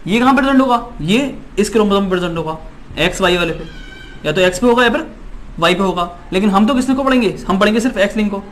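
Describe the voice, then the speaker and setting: Male biology tutor, high voice, repetitive and reassuring, faint hiss in the background. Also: animated, fast talker, fairly bright tone. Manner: repetitive, keeps asking "है ना" to check students follow; reassuring and insistent, promises results. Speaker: biology teacher. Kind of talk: exam-prep lecture.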